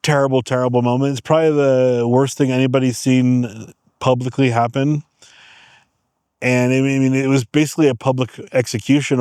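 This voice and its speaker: A man's voice: medium pitch, darkish tone, smooth, dry recording, studio quality. A man hosting a casual monologue, rambling and checking in with his listeners. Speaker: channel host.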